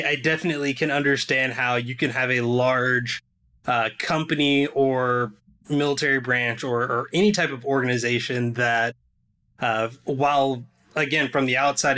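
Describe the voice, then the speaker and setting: A man's voice: medium pitch, pushed and bright. A young adult man hosting a podcast, chatting casually with a guest and laughing now and then. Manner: casual, laughs often, quick asides. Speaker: podcast host.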